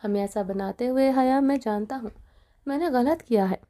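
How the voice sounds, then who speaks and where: A woman's voice: a little high, warm tone, close to an everyday voice. A woman voicing a pleading mafia man. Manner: pleading, emotional. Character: grown man, mafia leader, pleading and remorseful.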